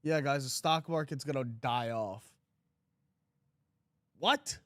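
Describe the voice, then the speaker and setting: A man's voice: mid-range voice, slow, a bit bright, no echo, studio quality. A man in his twenties hosting a trading livestream, talking casually and bluntly, teasing his chat and reading comments aloud. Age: 20s.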